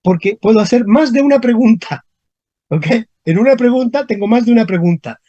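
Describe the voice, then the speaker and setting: A teacher giving an online language lesson over a video call, speaking slowly, repeating example questions and often checking in with the class. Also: medium pitch, lively intonation, mellow, no room sound, dull audio. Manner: slow, repeats questions, frequent checking tags. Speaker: Spanish grammar teacher.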